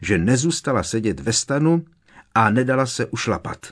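A man voicing a teenage witch girl who argues her point in a shrill, insistent way. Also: big pitch swings, slightly rough.

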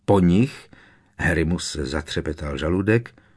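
Very deep-voiced male audiobook narrator. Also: breathy edge. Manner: steady, measured storytelling. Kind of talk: scripted narration.

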